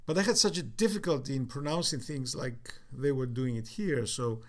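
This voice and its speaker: Reflective Cypriot-accented man in his sixties. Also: mid-range voice. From Cyprus. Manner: reflective, halting with many fillers. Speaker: interviewee, father. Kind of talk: casual family interview.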